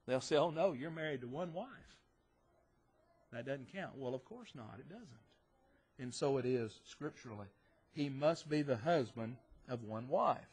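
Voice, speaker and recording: A man preaching a sermon in church, stressing phrases loudly and dropping to quiet asides, asking rhetorical questions and answering them himself. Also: medium pitch, slightly rough.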